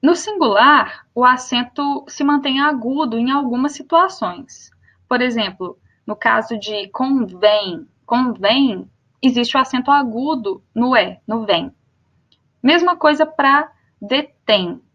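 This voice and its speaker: Young Brazilian woman teacher, high voice, slow careful repeats, dull lo-fi sound. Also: a bit bright. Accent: Brazilian Portuguese. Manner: spells out and repeats example words slowly. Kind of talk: spoken grammar lesson.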